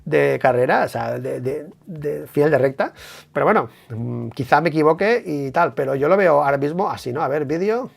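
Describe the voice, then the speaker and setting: A man with a Spain Spanish accent, giving a casual, emphatic live stream analysis of a motorcycle race, swearing and tagging his points with quick questions. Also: on the high side, vocal fry, slightly rough. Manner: animated, emphatic, swears, many tag questions.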